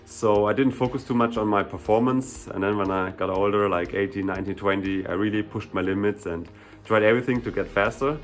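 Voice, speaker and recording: A young German man with a German accent, a sprinter and hurdler, answers viewer questions in a casual Q&A vlog, chatty and relaxed and constantly saying "you know" and "like." His voice is on the low side and brisk, with soft music in the background.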